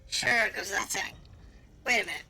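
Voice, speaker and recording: A woman's voice: mid-range voice, expressive, a little fast, creaky, pushed and bright. A woman streamer reading a game's dialogue aloud, hesitant and full of fillers, now and then making playful animal noises.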